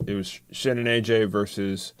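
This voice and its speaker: A man's voice: fairly low pitch, little pitch movement, normal speed, slight background noise. A young man co-hosting a podcast, giving his opinions and calling the moves in order, with lots of ums and yeahs. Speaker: podcast co-host. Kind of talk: casual chat.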